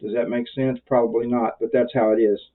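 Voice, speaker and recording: Over phone-quality sound, a fairly quick American man with a medium-pitched, level voice teaches amateur radio informally. As an instructor he rambles, keeps things conversational, and pokes fun at himself.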